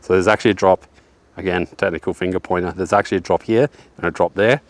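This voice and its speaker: A man's voice: deep voice, steady tone, fast talker. A young man walking a downhill bike track outdoors, giving slangy, joking commentary while a bit out of breath. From Australia. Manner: laid-back, slangy, joking. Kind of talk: casual track walk commentary. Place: outdoors on a forest hillside.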